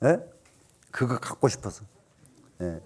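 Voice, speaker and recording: A man giving a Buddhist dharma talk, often posing questions to the audience and answering them himself, with emphatic rises and soft dropped asides. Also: medium pitch, very animated, slow, husky. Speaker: Buddhist teacher.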